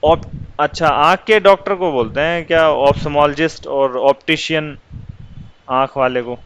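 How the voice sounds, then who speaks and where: High, smooth-voiced male teacher. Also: fairly bright tone, low-quality recording. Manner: patient, asks questions and answers them himself. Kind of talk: explaining English words to children.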